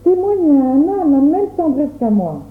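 A woman playing a stern, quick-tempered mother who scolds in an imperious way. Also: sits high, very animated, soft background music. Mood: furious. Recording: tinny phone-like sound, roomy echo.

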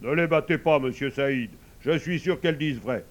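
A man reading a storybook and voicing the sun as a calm, kindly but firm man. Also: mid-range voice, normal speed, pitched above the performer's own voice, close to an everyday voice. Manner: calm, assured, gently firm.

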